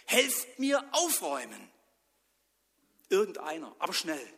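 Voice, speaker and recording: A frantic, flustered householder, put on by a man in a story told from the pulpit, his voice jumping high and loud. The tone is bright and edgy. It rings out into a long church echo. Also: steady tone, normal speed. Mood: urgent. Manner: shouting, flustered.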